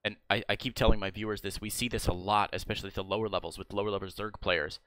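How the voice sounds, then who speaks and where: A man's voice: fairly low pitch, fairly even intonation, fast talker, fairly bright tone, clear, resonant tone, dry recording. An American man casting and coaching over a strategy game replay, asking his guest questions with plenty of fillers. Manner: asks questions, many fillers. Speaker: caster and coach. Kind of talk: casual game analysis commentary.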